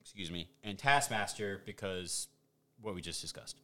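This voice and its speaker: Animated, bright-voiced man chatting. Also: low-pitched, normal speed. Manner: animated, swearing, playful. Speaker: podcast co-host. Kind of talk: casual chat ranking movie villains.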